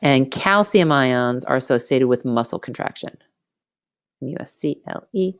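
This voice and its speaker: A woman's voice: extremely low pitch, expressive, moderate pace, no echo, studio quality. A woman teaching biology in a screen-recorded lecture voice-over. She talks casually, explains step by step and keeps checking in with "okay?". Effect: screen recording narration over slides.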